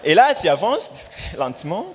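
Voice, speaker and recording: A man with a high-pitched, very animated voice delivers punchy stand-up comedy. He acts out his stories theatrically and repeats phrases for emphasis. The sound rings with the long reverb of a hall. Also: moderate pace. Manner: theatrical storytelling with acted-out dialogue and emphatic repetition. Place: live show in a hall. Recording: echoey hall, distant reverb, background noise.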